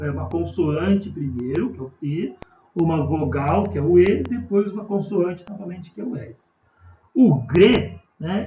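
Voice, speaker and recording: A man's voice: high voice, warm tone. Patient male teacher in an echoey room. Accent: Brazilian Portuguese. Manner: patient, slow spelling-out with frequent "tá?" check-ins. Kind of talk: recorded remote class lesson. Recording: dull echoey room, far from mic, faint noise.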